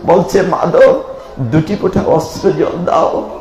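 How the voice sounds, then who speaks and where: A man's voice: on the high side, slow, darkish tone, reverberant, poor audio. A man giving a devotional sermon, impassioned and pleading, breaking into sung chants. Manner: impassioned, rising to fervent calls and sung chants. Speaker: Gita preacher.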